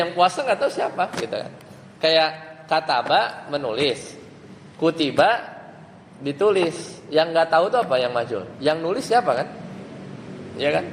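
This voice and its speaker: A male religious teacher walks a class through Arabic grammar, pausing to ask questions. He speaks slowly in a slightly raised voice. The sound carries a long hall reverb over faint ambient noise. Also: fairly high pitch. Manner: explains step by step, asks the class questions. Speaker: Islamic teacher.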